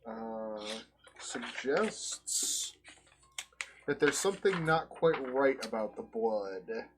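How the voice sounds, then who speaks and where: A man narrating a tabletop horror game as game master, measured and pausing often. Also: medium pitch, animated, over music, rough recording.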